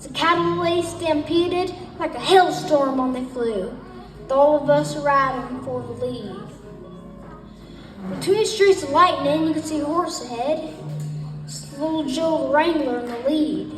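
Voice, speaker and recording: A woman recites cowboy poetry in a high voice, taking her time over each folksy line of ranch storytelling. The room rings around her, and she sounds some way from the microphone. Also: unhurried. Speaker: cowboy poetry performer and singer. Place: live gathering stage, roomy space. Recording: roomy live performance, distant mic, music.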